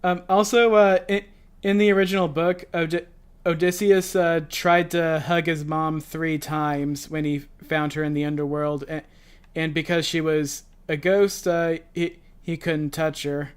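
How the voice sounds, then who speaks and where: A man's voice: on the high side, level tone, unhurried, clean tone. A man hosting a casual reaction chat, explaining background at length with frequent fillers and restarts. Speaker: reaction show host.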